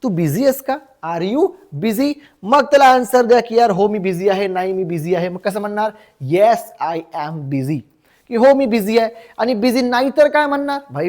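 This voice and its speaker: A woman giving an online spoken English lesson, chatting casually and calling her listeners buddy and brother, then slowing right down to say each model sentence. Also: mid-range voice, a little mellow.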